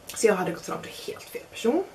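A woman's voice: mid-range voice, slight background noise. A young woman casually telling a self-mocking anecdote, acting out the other people in it. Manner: animated, self-mocking, acts out quotes. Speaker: storyteller.

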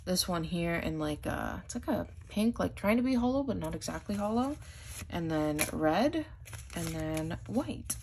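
A chatty young woman with a lowish voice talks her way through an unboxing haul, gushing and peppering her speech with "like" while she has the hiccups. A faint hiss sits under the recording. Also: lively intonation, unhurried, darkish tone. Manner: chatty, says "like" often, gushing over items. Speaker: haul vlogger. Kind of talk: casual unboxing chat.

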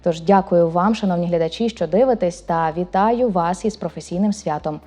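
A woman hosting a language program reads a scripted narration, delivering word examples clearly and deliberately. Her voice is fairly low in pitch and warm in tone.

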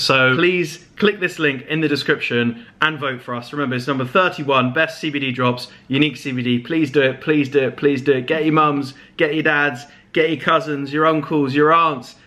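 Speaking into a handheld camera in his apartment living room, a young English vlogger keeps the casual chat teasing and jokey. He sounds a little high, bright and forceful.

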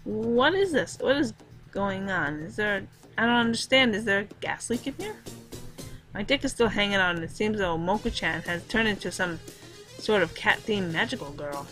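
A woman's voice: mid-range voice, expressive, moderate pace, a bit bright, faint music behind, lightly acted, poor audio. A woman voicing a flustered, overeager teenage boy protagonist while reading a visual novel aloud, in a melodramatic inner-monologue manner.

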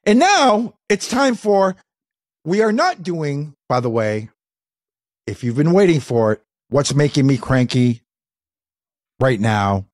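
Animated joking man with a lively voice. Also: on the high side, takes it slowly, pauses often. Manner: animated, joking, laughs often. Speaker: podcast co-host. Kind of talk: casual chat. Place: home workshop. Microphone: headphones and studio mic on video call.

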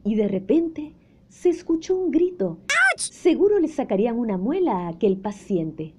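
A woman narrating a children's story in a slow, gentle, expressive way. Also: on the high side, slight background noise.

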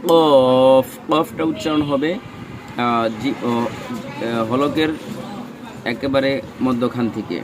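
A man teaching Arabic letter pronunciation in a slow lesson, saying each letter sound and repeating it for practice. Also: medium pitch, background noise.

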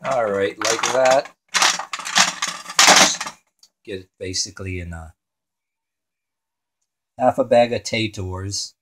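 A man's voice: lowish voice, slow pace, pauses often, bright, forceful tone, slight background noise. A man hosting a home cooking show in his kitchen, rambling and swearing casually to himself as he works.

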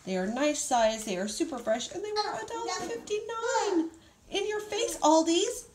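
An Ohio woman in her thirties vlogs from home, holding her phone camera as she chats upbeat and casually about her groceries and their prices. Her very high voice has lively intonation, a moderate pace and a darkish tone. The room, with groceries on a table and a TV nearby, is echoey with background noise.

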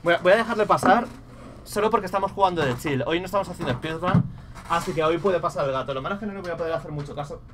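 Young guy from spain streaming a horror game, slightly high voice, mutters then yells and swears when startled, a bit of hiss behind. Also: racing. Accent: Spain Spanish. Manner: bursts into loud startled swearing; mutters quietly to himself between outbursts. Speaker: gaming streamer. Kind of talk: live gameplay commentary.

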